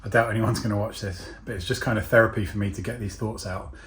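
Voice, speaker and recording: A man's voice: lowish voice, steady tone, quick pace, a little hiss or hum. A man talking casually to camera as a DIY vlogger, chatty and self-deprecating.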